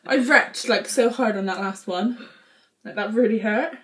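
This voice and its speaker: A woman's voice: fairly high pitch, moderate pace. A young woman vlogging a food challenge, dramatic and giggly. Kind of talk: casual chat.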